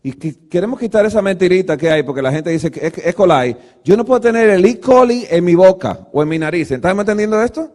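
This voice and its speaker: A man with a notably high voice delivers a lecture in the cadence of a sermon. He is animated, often turning to his listeners with rhetorical questions and acting out quoted lines. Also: fast talker, hardly any pauses. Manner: acts out quoted dialogue. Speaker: guest lecturer at a church. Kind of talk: preaching health lecture.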